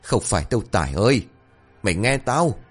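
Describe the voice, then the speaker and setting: A man voicing an old village clan elder who speaks calmly and admonishingly. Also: on the low side, a little fast, faint music behind. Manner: calm, admonishing.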